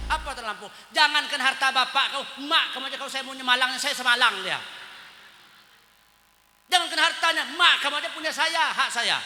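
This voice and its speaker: High, bright-voiced man preaching in an echoey hall. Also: a little hiss or hum. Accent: Lampung Indonesian. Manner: animated, swings between loud outbursts and low asides, acts out quoted voices. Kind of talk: humorous sermon. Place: community gathering hall. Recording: echoey hall with long reverb.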